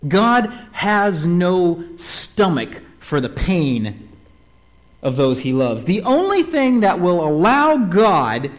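Lively, animated male preacher. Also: high-pitched. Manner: animated, rhetorical questions to listeners. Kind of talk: sermon.

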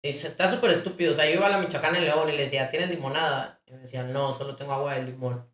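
A young woman hosts a casual conversation. She tells stories in a slangy, animated way. Her voice is heard in an echoey room. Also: deep voice, rapid-fire. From northern Mexico. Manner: slangy, expressive storyteller. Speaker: podcast host. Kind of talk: casual chat.

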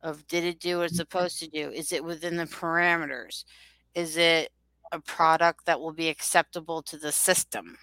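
A woman hosting a podcast talks in a casual, rambling way. Her voice sits a little low yet sounds bright and smooth. It is recorded close and dry, with no room sound. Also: steady tone, normal speed, dry recording, poor audio. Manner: chatty, rambling, loosely shaped sentences. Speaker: podcast host. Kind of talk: casual chat.

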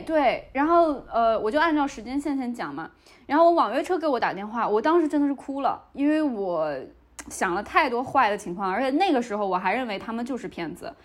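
In a casual podcast chat, a young female host with a fairly high pitch speaks quickly while telling a story. The retelling is spirited, and she acts out what each person said.

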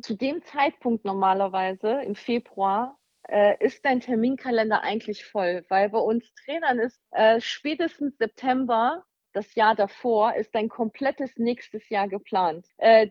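A woman's voice: fairly high pitch, dry recording, highs cut off. A woman, a sales trainer, as a guest in a casual interview, talking frankly and laughing easily.

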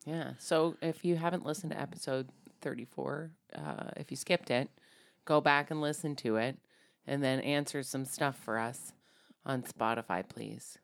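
A woman co-hosting a podcast, talking in a low, gravelly voice with plenty of vocal fry. She chats casually and rambles, filling her talk with ums and likes and laughing easily. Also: steady tone, moderate pace. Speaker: podcast co-host.

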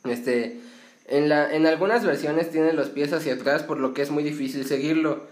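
Mexican guy cracking jokes, reads stuff out, laughs at himself, bit high, echoey. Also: normal speed. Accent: Mexican Spanish. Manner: jokey, laughs at his own jokes. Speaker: podcast co-host. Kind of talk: casual chat and reading notes aloud. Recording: roomy echoey room.

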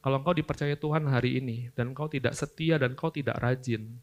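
A young man, preaching a lively youth sermon, swinging between loud outbursts and quiet earnest asides. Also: mid-range voice, quick pace. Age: young adult. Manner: casual slangy Jakarta-style delivery.

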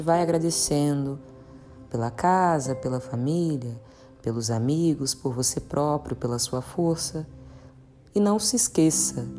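Deep-voiced woman teaching a mantra. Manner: calm, earnest, slow mantra repetition. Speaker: spiritual guide. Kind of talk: guided meditation teaching. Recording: soft instrumental music behind.

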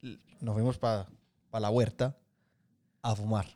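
A man's voice: lowish voice, a little slow. Slangy Paisa man telling stories. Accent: Colombian Paisa. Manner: animated, slangy storyteller who swears freely. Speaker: podcast co-host. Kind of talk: casual chat.

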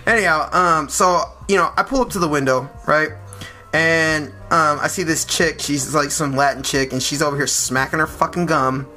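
A man's voice: a little high, moderate pace, faint music behind. A man telling a story in casual, profane style, acting out the quotes as he goes. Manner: profane, animated, acts out quotes. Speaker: podcast co-host telling a story.

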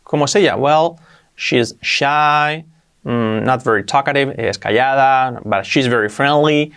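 A man with a Spanish accent from Spain teaching English grammar in Spanish, repeating each English example slowly and often checking with a quick question. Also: mid-range voice, a bit bright, smooth.

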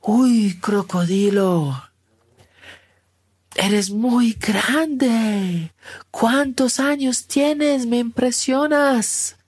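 A woman's voice: fairly high pitch, very slow, darkish tone, husky, dry recording, clean studio sound, pitched above the performer's own voice, exaggerated voice. A woman voicing a curious, friendly female giraffe who is impressed by an old crocodile.

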